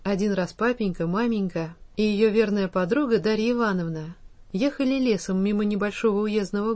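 A woman narrating a children's storybook, reading slowly and in a measured way. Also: mid-range voice, a little mellow. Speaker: audiobook narrator.

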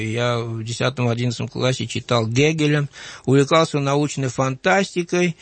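Reflecting on his life during an interview, a Georgian-accented writer in his sixties from Georgia speaks with measured thoughtfulness and frequent hesitant fillers. His voice is a little high with vocal fry, recorded without echo.

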